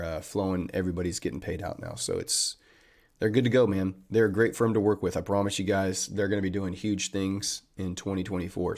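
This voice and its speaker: A deep-voiced man with a gravelly edge hosts a casual livestream from his desk mic. He talks to his viewers in a chatty, upbeat way and keeps calling them man and buddy. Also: darkish tone. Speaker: trading livestream host.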